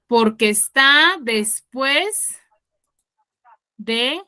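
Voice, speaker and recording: A woman's voice: sits high, lively intonation, drawn-out words, bright, forceful tone, clear, resonant tone. A woman teaching an online class, quizzing her students and explaining step by step with patience. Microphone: video call.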